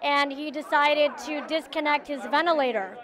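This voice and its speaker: A woman director speaks on an outdoor red carpet in a high, earnest voice. She measures her words and slips in soft fillers. Faint crowd noise hangs in the background. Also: moderate pace. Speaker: film director, interview guest.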